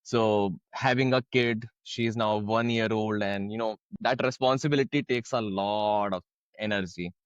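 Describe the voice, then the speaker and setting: A man's voice: fairly low pitch, steady tone, unhurried, clear, resonant tone, no echo, muffled recording. A young man from India hosting a podcast, chatting casually with many restarts and hesitations. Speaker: podcast host. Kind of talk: casual interview chat.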